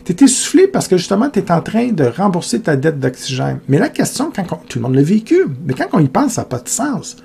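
A male teacher with a Québécois accent explains a lesson conversationally in a recorded lecture video, addressing students directly and posing questions aloud. His high, gravelly voice is warm and sing-song, moving fairly quickly with hardly any pauses. There's slight background noise.

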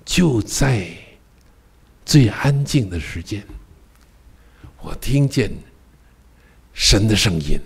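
Here an older preacher shares a personal story from the pulpit in a mid-range, slightly rough voice. He veers between loud cries and hushed near-whispers and tosses rhetorical questions out to the congregation.

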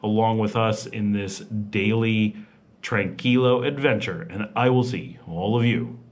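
A vlog host with a lowish, unhurried voice narrates a walking tour in a casual voice-over. He sounds rushed, chatty and informal, rambling with many fillers and restarts.

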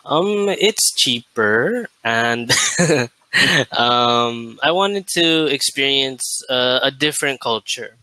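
An American man in his late twenties talks slowly and easily on a video call, with a bright, forward tone. The sound is dry and close, and his chat runs loose and friendly, full of little fillers. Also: mid-range voice, dry recording, low-quality recording. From United States. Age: 20s. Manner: relaxed, laughs often, many fillers. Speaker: English tutor. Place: indoor room.

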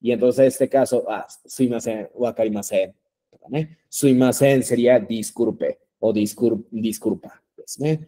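A man's voice: mid-range voice, steady tone, a little slow, warm tone. A man teaching a language class, patient and repetitive, with many fillers and check-ins. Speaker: Japanese teacher.

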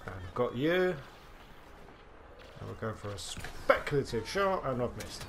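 Excitable, swearing gamer man. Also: medium pitch, a little slow, a little hiss or hum. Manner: excitable, swears freely, talks to himself. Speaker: gaming video host. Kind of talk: live gameplay commentary.

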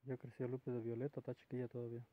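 A man with a Mexican Spanish accent chatting from behind the camera, asking gently teasing questions. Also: medium pitch, monotone, very fast. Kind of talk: casual chat. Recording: tinny phone-like sound.

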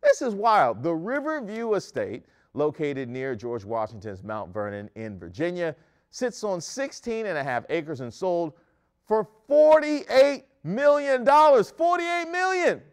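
A man's voice: sits high, big pitch swings, unhurried, clear, resonant tone. A young man hosting a comedic news segment, joking with mock-outraged asides, recorded standing in a studio. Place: studio set in front of a screen.

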